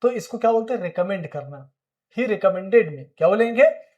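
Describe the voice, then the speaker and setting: High-voiced Indian English teacher. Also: male voice, animated, normal speed, darkish tone, highs cut off. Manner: explains words in Hindi, checks in with "ठीक है?". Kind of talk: spoken English lesson.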